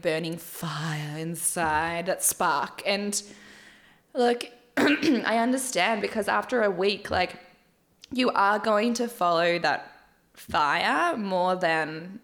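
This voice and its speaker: A woman's voice: lowish voice, slow pace, a bit bright. A young woman hosting a podcast in a casual, candid chat, tired, swearing freely and laughing often. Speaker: podcast host recapping a dating show. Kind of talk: casual chatty recap.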